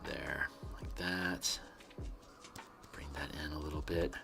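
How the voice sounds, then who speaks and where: A man's voice: rumbling low, steady tone, slow pace, vocal fry, music in the background. A man streaming his artwork, chatting casually and murmuring instructions to himself as he works, with chatty asides and frequent restarts. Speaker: artist streaming his work. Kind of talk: casual livestream chat while painting.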